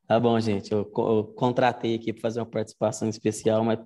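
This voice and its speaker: Speaking fast in a low-ish, monotone voice with a warm tone, this man teaches Latin online in a relaxed way. He breaks things down step by step, frequently tossing in "né?" to check that you're following.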